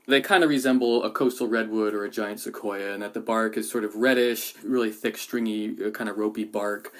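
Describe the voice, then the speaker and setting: Enthusiastic American radio guest, man. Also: medium pitch. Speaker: guest expert. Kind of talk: radio discussion.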